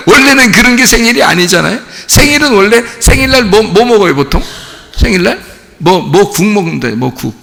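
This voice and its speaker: Lively high-voiced Korean pastor preaching. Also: male voice, moderate pace, creaky, long reverb tail. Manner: animated, rhetorical questions to the congregation, acts out quoted voices. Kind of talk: sermon. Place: church sanctuary.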